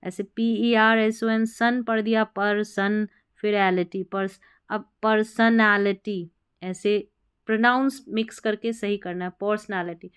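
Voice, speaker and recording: A woman teaches English spelling and reading. She sounds out each word one letter at a time, then explains what it means. She speaks slowly, in a smooth, resonant voice of middle pitch. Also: fairly even intonation. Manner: spells words out letter by letter, then gives the meaning.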